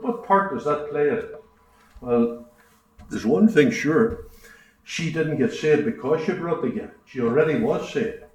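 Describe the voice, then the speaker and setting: A man preaching a sermon in a meeting hall, earnest, with a repeating preaching cadence. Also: a little high. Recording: echoey hall, distant mic.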